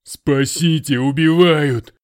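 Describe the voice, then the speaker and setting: A fervent, doting grown man who coos over a beast of a cat and wails loudly, in a male narrator's voice. He is a character in an audiobook, with a voice that rises and falls widely. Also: lowish voice, expressive, slow, no echo, studio quality. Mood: wailing.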